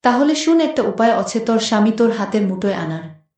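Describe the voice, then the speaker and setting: A woman's voice: on the high side, animated, a little fast, a little mellow, close to an everyday voice. A chatty, teasing young woman friend gives advice, voiced by a female storyteller. Her talk is casual and playful. The voice rings out in a strongly echoing room. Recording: very echoey room.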